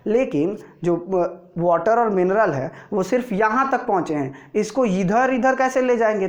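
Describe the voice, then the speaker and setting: A male teacher with an Indian accent, giving a slow board lesson to school students and checking often that they follow. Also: on the high side. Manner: explains slowly, drawing as he speaks, keeps checking understanding.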